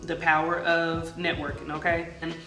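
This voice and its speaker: An American travel vlogger in her late twenties chats casually and expressively with viewers in colloquial language. Her deep voice has a level, fairly bright tone and a moderate pace. The room echoes and music plays underneath.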